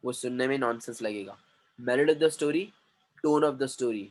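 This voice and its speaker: A male trainer lectures on storytelling at an unhurried pace, with a mid-range voice. He repeats key points and keeps asking whether the class is following. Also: mid-range voice, poor audio. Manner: repetitive, checks in with listeners. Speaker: communication trainer.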